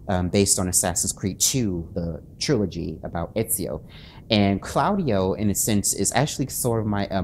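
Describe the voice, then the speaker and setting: A low, slightly mellow male voice belongs to an author and channel host giving a casual late-night talk to camera. Sleepless and nervous, he speaks haltingly with many restarts and fillers, sounding self-conscious; slight background noise is present.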